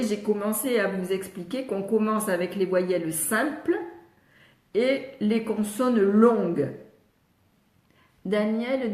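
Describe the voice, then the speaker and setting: An older woman with a French accent, a speech therapist answering live questions, patiently sounding out letters and syllables and pausing often to read viewers' questions. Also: mid-range voice, darkish tone, echoey room. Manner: reads viewers' questions aloud, frequent hesitations. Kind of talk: live Q&A teaching.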